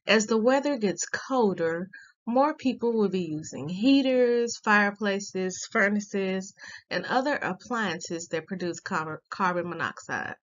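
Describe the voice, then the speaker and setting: Female school announcer, unhurried and deliberate, reading morning notices from a script on a slightly dull recording. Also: mid-range voice.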